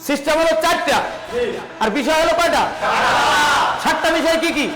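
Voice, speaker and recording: A man's voice: very high-pitched, normal speed, roomy sound, over a noisy crowd, heavy background noise. A male teacher drilling a class on reading the Quran, asking the same questions again and again in a chanting, call-and-response way. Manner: drills with repeated questions, sing-song chanting.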